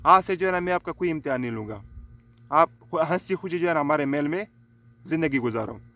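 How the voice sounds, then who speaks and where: A man's voice: on the high side, expressive, a little fast, vocal fry, bright, forceful tone, full character voice. A man voicing a king in a told folk tale, speaking politely and formally. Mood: courteous. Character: male king, testing and courteous.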